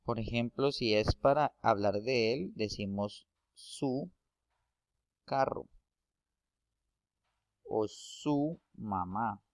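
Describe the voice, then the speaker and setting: Slow, patient man explaining a lesson. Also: medium pitch, no echo. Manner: slow, patient, repeats and checks with "¿sí?". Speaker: English teacher. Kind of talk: classroom explanation.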